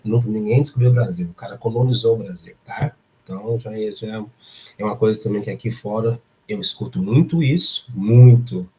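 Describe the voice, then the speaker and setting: A man's voice: lowish voice, mellow. A man from Brazil with a Brazilian Portuguese accent, hosting a casual live stream and stressing points by repeating words. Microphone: streaming setup.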